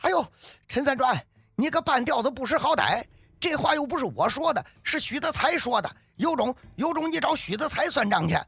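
A shrill, tearful young soldier, as a storyteller puts him on, wailing his complaints in a husky, high voice that leaps all over the place. The delivery is whiny and frightened in a spoken story. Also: very animated, moderate pace, no room sound.

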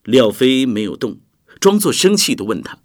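Sex: male. Role: storyteller. Style: expressive audiobook narration. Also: medium pitch, moderate pace, no echo, studio quality. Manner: vivid, expressive reading. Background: music.

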